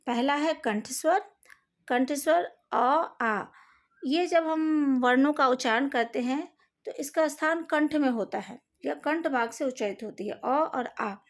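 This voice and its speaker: A woman teacher with a high voice talks slowly and deliberately through a recorded lesson. She pronounces each sound with care and addresses her students directly. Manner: careful, slow, spells out each vowel sound; speaks to students directly, asks them to fix slides. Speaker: Hindi teacher.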